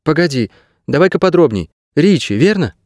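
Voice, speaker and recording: A man voicing a frightened, curious teenage schoolgirl in an audiobook, raising his voice high for her questions. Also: big pitch swings, moderate pace, darkish tone, no room sound, clean studio sound. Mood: startled.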